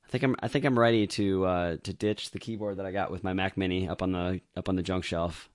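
A man with a very low voice chats casually on a podcast, rambling with fillers and laughing easily. His voice sits close and dry on the mic, with no room sound. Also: steady tone, quick pace, no echo. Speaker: podcast co-host. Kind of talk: casual chat.

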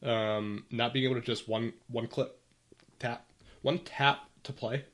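A man's voice: medium pitch, fairly even intonation, a little slow, fairly bright tone. A man co-hosting a podcast in casual chat, stating firm opinions and arguing his points. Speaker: podcast co-host.

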